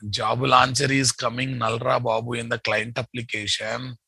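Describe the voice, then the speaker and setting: A man's voice: mid-range voice, flat delivery, normal speed, gravelly, sharp tone, breathy edge, no room sound. A man with a Telugu Indian English accent teaches programming live, thinking aloud, repeating phrases and checking with his students through short questions and tags. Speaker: programming instructor.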